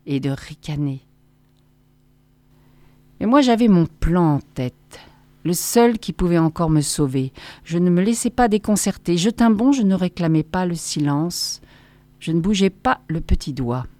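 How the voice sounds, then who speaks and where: A woman narrating a first-person story with expressive reading, lifting her voice for quoted speech. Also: on the low side, measured pace, dry recording. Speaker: audiobook reader.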